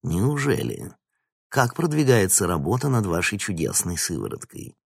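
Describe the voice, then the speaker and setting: A man voicing a cold, predatory male scientist who speaks in a slow, threatening tone. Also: low-pitched, wildly swooping pitch, gravelly, slightly rough, no echo, clean studio sound, exaggerated voice. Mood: sly, mocking.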